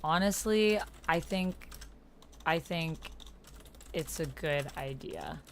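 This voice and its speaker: A woman with a low voice speaks slowly, with a little hiss or hum in the audio. She hosts a text-based roleplaying game, chatting in a casual, expressive and slangy way as she plays along with the typed roleplay.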